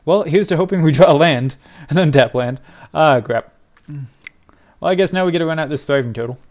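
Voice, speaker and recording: A young man giving excitable live commentary on his own card game match, muttering one moment and crying out the next. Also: fairly high pitch, fairly quick. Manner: excitable, swings from mutters to loud cries and laughter. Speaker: gaming video creator.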